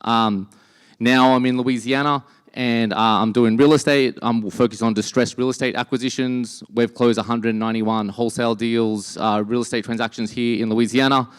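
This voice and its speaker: A man's voice: medium pitch, fairly even intonation, moderate pace, clear, resonant tone. A middle-aged man with an Australian accent giving a casual, chatty talk to a live audience at an event, with frequent fillers and restarts. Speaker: speaker. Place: event venue.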